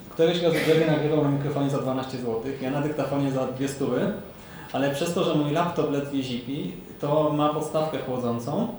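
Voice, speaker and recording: A man's voice: mid-range voice, a little mellow, distant mic. A chatty man podcaster talks casually with other podcasters and explains things through examples. He sits some way from a shared handheld recorder in a very echoey room, and a faint hiss runs under his voice. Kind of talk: casual panel chat.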